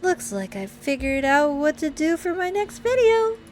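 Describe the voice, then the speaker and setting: A woman's voice: high voice, very animated, normal speed, a little mellow. A woman hosting a game playthrough, reading the dialogue aloud with amateur voice acting. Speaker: video game playthrough host. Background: music under the voice.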